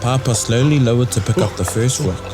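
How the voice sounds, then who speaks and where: Deliberate New Zealand man narrating over music. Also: mid-range voice. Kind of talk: scripted story narration.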